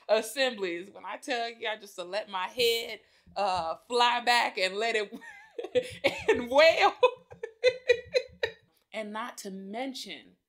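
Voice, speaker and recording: Woman podcast host with a slightly high voice, casual and heartfelt, who addresses listeners directly as y'all. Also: a bit bright. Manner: chatty, addresses listeners as y'all, laughs often. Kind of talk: personal reflective address.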